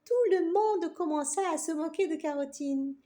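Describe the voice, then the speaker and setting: A woman telling a scripted children's story in an expressive, theatrical manner, addressing young listeners. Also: extremely high pitch, moderate pace.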